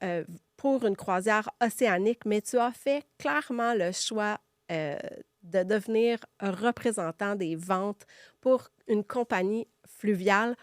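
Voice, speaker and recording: A woman's voice: medium pitch, a little slow, no room sound, studio quality. A woman with a Quebec French accent hosting a conversational podcast interview, reassuring and rephrasing as she goes. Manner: reassuring, rephrases the guest's words. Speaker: podcast host.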